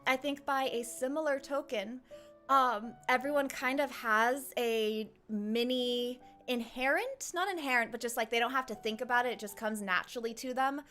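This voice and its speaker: A female game streamer with a high, slightly bright voice offers chatty, rambling, playful commentary while playing through a game, with game music in the background.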